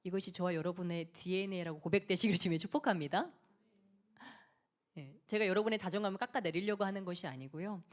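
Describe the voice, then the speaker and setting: A middle-aged woman pastor giving a sermon, earnest, sometimes dropping to a soft whisper. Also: fairly low pitch, fast.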